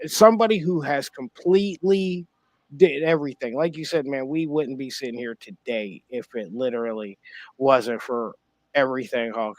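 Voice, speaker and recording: A man co-hosting a podcast in casual chat, rambling and halting with many restarts and fillers. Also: medium pitch, dry recording. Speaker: podcast co-host.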